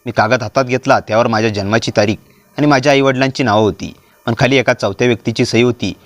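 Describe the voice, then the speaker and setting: A man giving a steady, dramatic first-person narration of a story. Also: mid-range voice, quick pace, no room sound.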